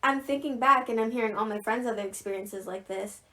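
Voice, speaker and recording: A teenage girl with a slightly high voice co-hosts a casual podcast. She talks in a loose, chatty way, full of fillers, and laughs often as she goes. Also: fairly quick, a bit bright. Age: teens. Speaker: podcast co-host.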